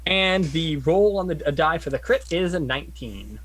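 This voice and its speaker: A man with a slightly high, husky voice plays a tabletop game. He talks casually, often muttering through running dice totals as he goes. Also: animated, moderate pace, fairly bright tone. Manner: counts dice totals aloud.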